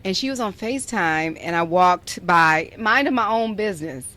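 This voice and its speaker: A young adult woman hosts a podcast, telling a story in a playful, chatty way and peppering it with "like." Her fairly low voice is expressive and sharp in tone, moving at a normal speed.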